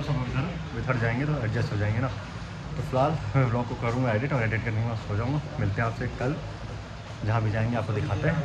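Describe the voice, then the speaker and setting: Chatty young man vlogging over loud noise. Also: medium pitch. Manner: chatty, addresses viewers as "bhai" and "bhaiya". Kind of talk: casual travel vlog narration. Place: trains, stations and streets. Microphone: phone held at arm's length. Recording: phone vlog with loud traffic noise. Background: loud train and street noise.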